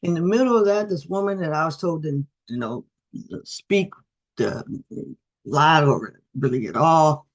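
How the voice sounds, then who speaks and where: A middle-aged woman giving a storytelling presentation as a guest speaker over a video call, lively and acting out the voices of the people in her stories. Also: low voice, measured pace, lo-fi sound. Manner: animated, acts out quoted voices.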